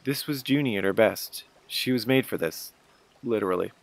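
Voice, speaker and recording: A man's voice: fairly low pitch, moderate pace, vocal fry. A man narrating a wildlife photo video in casual storytelling, earnest and self-deprecating.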